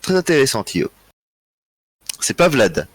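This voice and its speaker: A tired man hosting a live history quiz, reading out chat answers in a relaxed, joking way with frequent chuckles. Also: mid-range voice, unhurried, slightly rough. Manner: relaxed, joking, chuckles often, thinks aloud. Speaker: quiz host.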